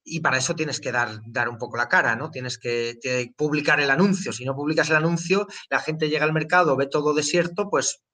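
Guy with a bright sharp voice, slightly high, sits a bit far from the mic, keeps restarting words. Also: a little fast, few pauses. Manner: thinks aloud with frequent restarts and repetitions. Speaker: guest explaining a trading platform. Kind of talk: casual explanatory talk.

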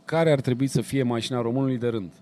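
A man's voice: medium pitch, slight background noise. A man hosting a casual chat, often agreeing briefly and hunting for words before arguing with animation. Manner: frequent short agreements, hesitant fillers, then animated arguing.

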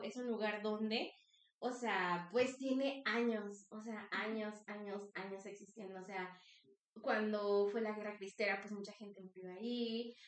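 A young woman with a Mexican Spanish accent, co-hosting a podcast and telling a story in lively, casual chat, acting out the voices. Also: medium pitch. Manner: animated, acts out voices, frequent "te lo juro". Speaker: podcast co-host. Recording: roomy, distant mic.

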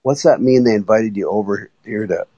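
A man calls into a casual chat on a live audio app using his iPhone, speaking enthusiastically but in a halting way, restarting often. His warm voice sits on the low side, and the recording is both dry and muffled.

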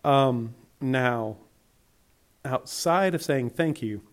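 Speaking very slowly at a medium pitch, a Southern-accented podcast host from Alabama rambles amiably through his solo show. A tiring week has left him weary and his voice worn.

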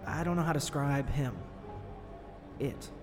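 A man's voice: on the high side, music in the background, close to an everyday voice. Man playing a shaken young male witness. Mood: uneasy recounting. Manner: informal, halting, testy. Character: defensive, shaken 23-year-old male attack witness. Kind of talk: acted audio horror story.

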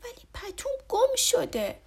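A woman's voice: extremely high pitch, slight background noise, voice pushed up. A woman voicing a small, sad young boy turtle in a storybook, speaking in a pleading, whiny way. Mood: upset, pleading.

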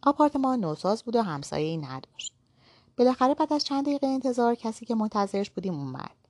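A woman narrating a novel aloud in the first person, in a steady storytelling manner. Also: on the high side, no room sound.

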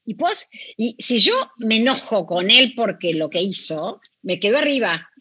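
Expressive middle-aged Rioplatense woman. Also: mid-range voice, normal speed, breathy edge, no echo. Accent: Rioplatense Spanish. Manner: expressive, acts out quoted dialogue. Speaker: guest. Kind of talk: conversational interview.

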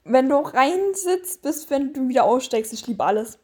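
A woman's voice: high-pitched, lively intonation, moderate pace, husky. A woman in casual chat with a friend, eager and gushing, sometimes stumbling over words. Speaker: co-host.

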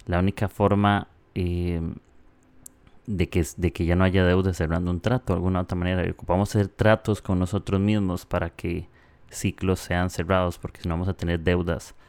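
A Costa Rican man in his thirties hosting his own podcast, talking in a relaxed, chatty way with frequent "eh" fillers. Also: low voice, brisk, no echo. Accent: Costa Rican Spanish. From Costa Rica. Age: 30s. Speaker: podcast host. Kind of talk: casual reflective podcast monologue.

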